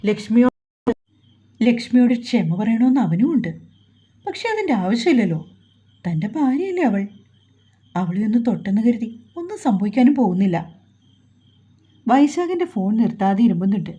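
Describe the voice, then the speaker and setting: A woman storyteller reading a family drama as an audiobook, in a calm, steady manner. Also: fairly high pitch, normal speed, pauses often, husky, dull audio. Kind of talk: scripted audiobook narration.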